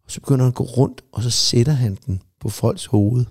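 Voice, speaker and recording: A man's voice: mid-range voice, darkish tone, breathy edge. A middle-aged man co-hosting a podcast, telling rambling anecdotes in casual chat with plenty of swearing. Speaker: podcast co-host.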